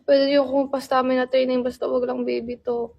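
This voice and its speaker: A young woman chatting casually on a livestream, playful and laughing, sometimes dropping into slow soft tones. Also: high-pitched, flat delivery, creaky, dull audio.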